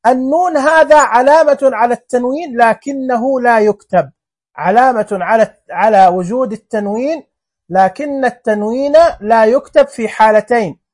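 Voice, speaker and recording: A teacher gives a classroom grammar lesson, speaking slowly and repeating each word and example. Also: mid-range voice, darkish tone, slightly rough. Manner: slow, repeats words and drills examples.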